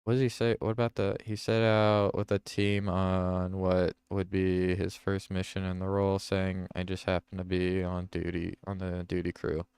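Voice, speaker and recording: A man's voice: low-pitched, monotone, moderate pace, hardly any pauses, a little mellow, smooth, no room sound. A man hosting a livestream, reading news headlines aloud and reacting to them, with self-corrections. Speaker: livestream host.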